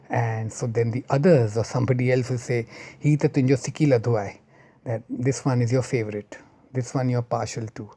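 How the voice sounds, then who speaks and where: Mellow-voiced man explaining idioms. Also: mid-range voice. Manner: unhurried, chatty, with personal asides. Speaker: language explainer. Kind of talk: casual explanatory talk.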